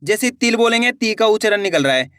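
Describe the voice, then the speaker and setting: High-voiced man teaching Hindi syllables. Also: lively intonation, fast, a bit bright, smooth, no room sound, studio quality. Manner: patient, repeats words and asks questions back. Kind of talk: online lesson, slow syllable-by-syllable explanation.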